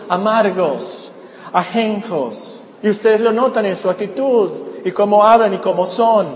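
High-voiced preacher in echoing hall. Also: male voice, slight background noise. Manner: emphatic preaching with repeated key words. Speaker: pastor. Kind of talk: sermon. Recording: roomy echoey hall with faint ambience.

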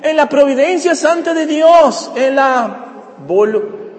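A man preaching a sermon to a congregation, animated and often asking them questions. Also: extremely high pitch, takes it slowly. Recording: echoey hall with long reverb.

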